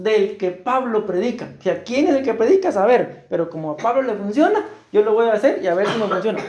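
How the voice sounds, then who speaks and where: Costa Rican male pastor, mellow tone, preaching with roomy church echo. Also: sits high. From Costa Rica. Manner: earnest, asks the congregation rhetorical questions. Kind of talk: sermon. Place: church hall.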